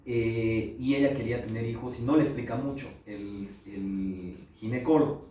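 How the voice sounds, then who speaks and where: A man's voice: medium pitch, normal speed. A middle-aged pathologist with a Bolivian Spanish accent, giving a lecture full of anecdotes and acting out the voices he quotes. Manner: animated storyteller, acts out quoted voices. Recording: roomy echo, voice from far off.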